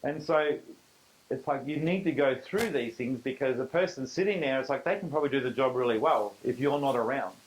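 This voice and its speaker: A man's voice: mid-range voice, fairly quick, slight background noise, low-quality recording. Australian man giving a business seminar. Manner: conversational, emphatic, acts out quoted dialogue. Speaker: seminar presenter. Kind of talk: live business seminar talk.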